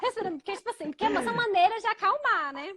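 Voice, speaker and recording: A Brazilian woman with a strikingly high voice leads a relaxed live chat about parenting. Her speech is halting and full of restarts. She turns soft and gentle when she repeats what she says to her child. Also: a crowd in the background. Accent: Brazilian Portuguese. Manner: hesitant, with frequent restarts and repeated fillers. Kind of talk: casual explanatory chat.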